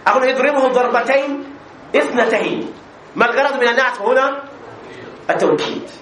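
High-voiced man teaching grammar, echoey room. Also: brisk, a bit bright. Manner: questions students and answers himself, repeats example phrases. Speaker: sheikh teaching Arabic grammar. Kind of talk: classroom grammar lesson. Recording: echoey room with faint background noise.

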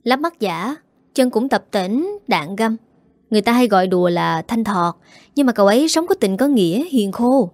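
A woman voicing a gentle, anxious neighbor woman who speaks softly and hesitantly. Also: mid-range voice, expressive, normal speed, dry recording, close to an everyday voice. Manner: soft, hesitant pleading.

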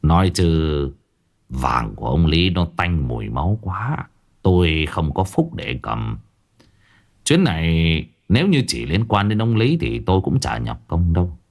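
A man voicing a stern old male exorcist who speaks slowly and gravely. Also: low voice, very animated, voice pushed down, full character voice. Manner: slow, measured, grave.

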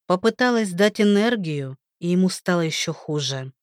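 A woman narrating a fantasy story aloud in a steady storytelling manner. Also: fairly low pitch, moderate pace, no echo, clean studio sound.

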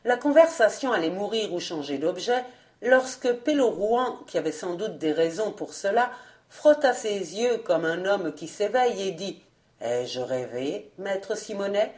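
A woman reading a classic French novel aloud as an audiobook, narrating in a measured tone. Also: mid-range voice, lively intonation, a little mellow. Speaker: audiobook reader. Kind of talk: literary narration.

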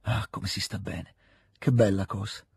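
Guy putting on an excited teen boy soldier, rushed and eager, mellow husky tone. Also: mid-range voice, no room sound, clean studio sound. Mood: tender. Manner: rushed, overeager, generous.

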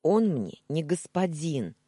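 A woman's voice: low voice, big pitch swings, takes it slowly, warm tone, husky, no room sound, pitched above the performer's own voice, heavily acted. A woman reading the part of a defiant captive young woman who snaps back and pleads. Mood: defiant, upset.

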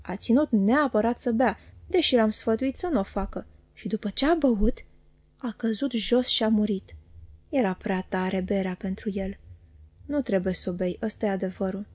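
A woman's voice: mid-range voice, a little mellow, no room sound, pitched below the performer's own voice, close to an everyday voice. A woman reading an audiobook and voicing a chatty, coaxing, greedy male inn waiter.

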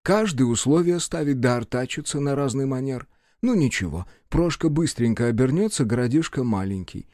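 A fussy, ceremonious town official who bows over his words and pleads with his staff, as a man puts him on in an audiobook. His voice sits a little higher than the narrator's, with a lively, rolling pitch. The sound is dry and close. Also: normal speed, no room sound, natural voice. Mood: complaining. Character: fussy, polite middle-aged male town official.

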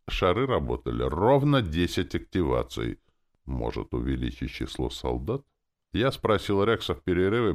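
A man narrates a story in the first person with a very deep voice and a gravelly grain. His reading is wry and expressive, and his pitch swings widely. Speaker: audiobook narrator.

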